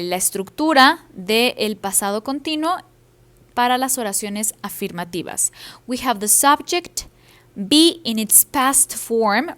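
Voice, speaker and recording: Slow, careful woman teacher. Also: medium pitch, fairly bright tone. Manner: explains each rule in English then repeats it in Spanish, with fillers. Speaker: English teacher. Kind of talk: bilingual grammar lesson over slides.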